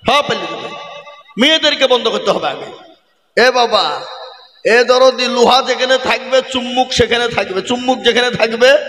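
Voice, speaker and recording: A male preacher delivers a fiery sermon in a high, piercing voice. He slips into lilting, half-sung verses and keeps pressing the crowd for answers. His voice carries a long, roomy echo from loudspeakers at a large gathering. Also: normal speed. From West Bengal, India. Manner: repeatedly demands answers from the crowd. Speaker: Islamic preacher.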